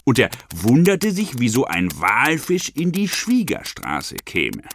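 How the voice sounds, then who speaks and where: A man's voice: medium pitch, huge pitch swings, unhurried, a bit bright, slight background noise. A man telling a fairy tale comically, in the manner of an old sailor spinning a yarn, with mock-earnest asides. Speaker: storyteller.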